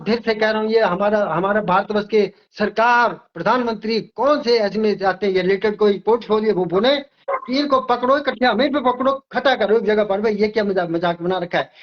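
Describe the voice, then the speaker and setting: A man's voice: sits high, a little fast, highs cut off. An older man who works as an astrologer, from Himachal Pradesh, explaining emphatically in an interview and often repeating his words. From Himachal Pradesh, India.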